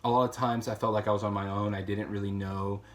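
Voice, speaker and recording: A man in his twenties, a student advocate, speaking hesitantly with many pauses in a testimonial interview. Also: fairly low pitch, flat delivery. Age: 20s. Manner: hesitant, lots of fillers.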